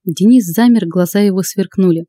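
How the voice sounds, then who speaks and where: Brief: woman audiobook narrator, expressive and wry, mid-pitched, dry recording. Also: normal speed, dry recording. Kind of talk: first-person audiobook narration.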